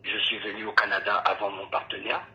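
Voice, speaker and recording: A young man phones an advice show, hesitant and formal, filling his sentences with ums and sounding close to tears. His voice is fairly low but sharp and tense, heard over a dull phone line with faint hiss. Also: little pitch movement, brisk. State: emotional, near tears. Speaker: caller.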